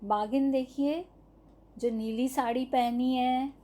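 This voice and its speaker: A woman's voice: high-pitched, fairly even intonation, takes it slowly, warm tone. A woman teaching an online lesson to young children, stretching out each syllable and answering her own questions. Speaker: primary school teacher.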